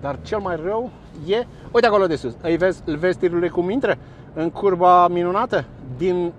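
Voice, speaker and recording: Chatty high-voiced man by a roadside. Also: dull audio. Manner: chatty, sarcastic, addresses viewers directly. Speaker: local vlogger. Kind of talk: casual on-the-road commentary. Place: roadside by a busy road, outdoors. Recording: faint outdoor traffic noise. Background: passing traffic and trucks.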